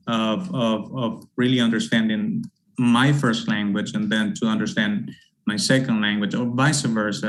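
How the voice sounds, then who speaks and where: Speaking in a fairly low voice over poor-quality audio, a middle-aged university English teacher from Honduras, a native Spanish speaker, delivers an academic presentation that rambles along, full of fillers and repeated words.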